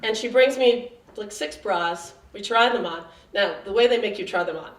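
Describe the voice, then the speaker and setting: Late 40s woman doing live storytelling, chatty and self-deprecating, echoey room, noisy, mic far away. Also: mid-range voice. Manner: chatty, self-mocking, quick asides. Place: theater stage before an audience.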